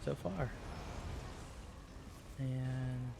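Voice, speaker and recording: A man giving casual, chatty live gameplay commentary as a streamer, easygoing and quick to correct himself. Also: mid-range voice, vocal fry, noisy background. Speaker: game streamer. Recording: game music behind the voice.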